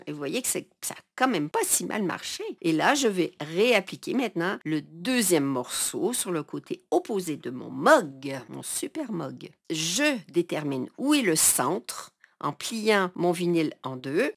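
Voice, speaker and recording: A woman's voice: on the low side, unhurried, husky. Chatty woman teaching crafts. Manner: chatty, explains each step as she works; energetic, laughs easily. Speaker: crafting instructor. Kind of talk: hands-on craft tutorial. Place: at a work table.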